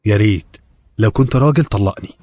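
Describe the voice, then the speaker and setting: A man voicing a furious Egyptian housewife who shrieks and curses in a husky voice. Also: lowish voice, fast talker, darkish tone, no room sound, soft background music, natural voice. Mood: furious shrill. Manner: shrieking, cursing, indignant. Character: shrill furious Egyptian housewife, middle-aged.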